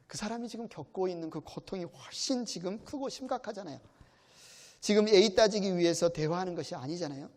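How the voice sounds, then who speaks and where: Male pastor, high voice, emphatic sermon delivery; long church-hall reverb. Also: a little mellow. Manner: emphatic, rhetorical questions to the congregation. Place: church sanctuary.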